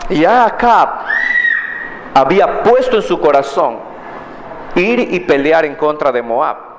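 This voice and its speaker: Male pastor, animated sermon, echoey hall, faint background noise. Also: on the high side, slow. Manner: animated storytelling, acting out voices. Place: church.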